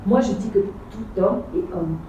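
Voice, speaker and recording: A panel guest in a casual street debate argues insistently from a distance, her voice medium-pitched, unhurried, and warm. She repeats phrases and mixes in English and Lingala words, captured on a distant mic with echo and faint noise.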